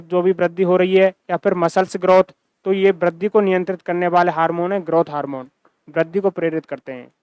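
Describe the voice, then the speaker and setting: A man's voice: high-pitched, darkish tone, clear, resonant tone, no room sound. A man teaching a science lecture, repeating key terms and asking and answering his own questions. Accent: Hindi-speaking Rajasthan region. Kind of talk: recorded classroom-style lecture.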